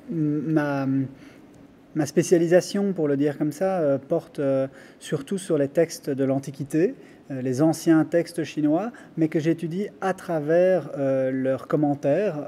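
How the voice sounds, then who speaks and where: A man's voice: mid-range voice, warm tone. A man in his thirties from Brussels, Belgium, with a Belgian French accent, carefully explaining his research as a guest in an academic interview. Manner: careful, measured explaining with frequent pauses and restarts.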